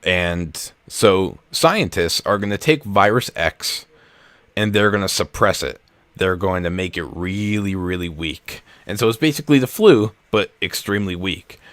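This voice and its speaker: A young man with a very deep voice co-hosts a comedy podcast. He explains things at length in a casual, blunt way and drops the odd swear word. The sound is dry and close, with no room echo. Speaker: podcast co-host. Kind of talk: casual chat.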